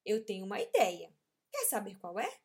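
A woman voicing a patient, gentle mother in a children's story, speaking in a soothing, coaxing way. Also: medium pitch, wildly swooping pitch, moderate pace, husky.

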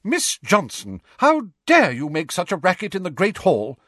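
A man voicing a stern older woman professor who speaks sharply and crisply. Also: high voice, huge pitch swings, normal speed, no room sound, studio quality, pitched above the performer's own voice, full character voice. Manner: sharp and clipped.

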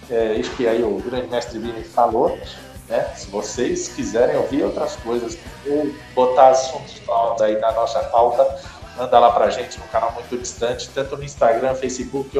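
A Brazilian man guesting on a podcast, chatting casually in a relaxed, joking way, with his voice echoing off a bathroom's walls. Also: mid-range voice. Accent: Brazilian Portuguese. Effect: strong bathroom echo. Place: bathroom at home. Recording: echoey bathroom with faint music.

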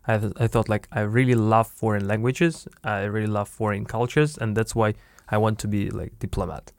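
A man's voice: lowish voice, fairly even intonation, normal speed, no echo, clean studio sound. A young man from Siberia with a Russian accent, speaking hesitantly and searching for words in casual conversation.

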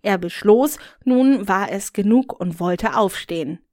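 A woman reading a story aloud in a flat, unhurried amateur style. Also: mid-range voice, no room sound, studio quality. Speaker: story reader.

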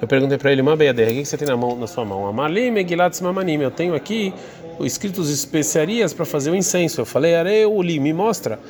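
Man, somewhat high voice, text-study teacher who reads Hebrew aloud and translates as he goes. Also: fast, darkish tone. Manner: reads Hebrew phrases then explains in Portuguese, hesitant. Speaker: Talmud teacher.

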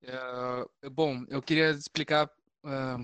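A man's voice: medium pitch, steady tone, slow, fairly bright tone, clear, resonant tone, dry recording. A man with a Brazilian accent explaining things casually as a podcast panelist, often stumbling into his sentences.

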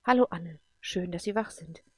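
A woman's voice: on the low side, normal speed, darkish tone, husky, no room sound. Woman reading a kind lady at a sickbed, careful and soothing, dry close sound. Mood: reassuring. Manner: careful, reassuring.

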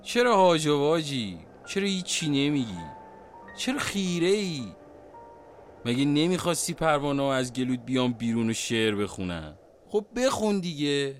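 A dreamy, questioning man in a poetic audio drama, played by an actor. His slightly high voice moves freely up and down in a theatrical way, with music behind it. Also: very animated. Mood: insistent, questioning. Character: wondering dreamy man, restlessly questioning his silent companion.

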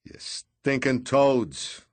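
A man's voice: lowish voice, very animated, moderate pace, slightly rough, dry recording, pitched above the performer's own voice. A man reading an audiobook, voicing an angry cornered male stalker who spits insults. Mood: furious. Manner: shouting, spitting insults. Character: furious cornered male stalker, foul-mouthed.

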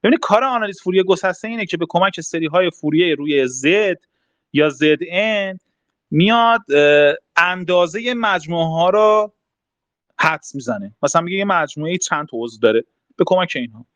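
Young man, slightly high voice, dry close sound; casual step-by-step explainer with fillers. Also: lively intonation, a bit bright, dry recording, highs cut off. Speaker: math talk host.

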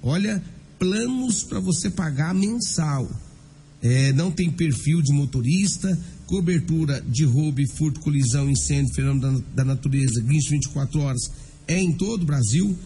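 Here the Brazilian crime-news host on radio sounds a little high and warm, with lively intonation and a moderate pace. He chats through news and live advertising as if addressing each listener personally, with music underneath and slight background noise.

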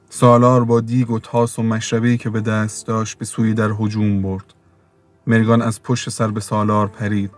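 A man reading a novel aloud in steady, measured scripted narration, with faint music behind. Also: lowish voice. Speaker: audiobook narrator.

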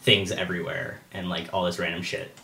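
A man's voice: deep voice, level tone, brisk, gravelly, a crowd in the background. A young man in his early twenties, a musician guest chatting casually in a rambling way full of fillers. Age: young adult. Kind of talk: casual chat. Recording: echoey room.

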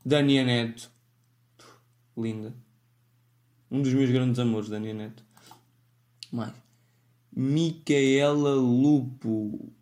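A man with a European Portuguese accent hosts a solo podcast, rambling through a casual monologue in a self-mocking way and often restarting his sentences. His mid-range voice is dark in tone and fairly even in intonation, with drawn-out words and frequent pauses.

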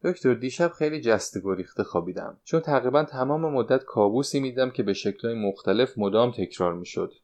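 A man's voice: mid-range voice, expressive, few pauses, darkish tone, highs cut off, close to an everyday voice. A man reading the part of a fretful, nostalgic woman of sixty-nine, a former stage dancer, in an audiobook. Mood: confiding.

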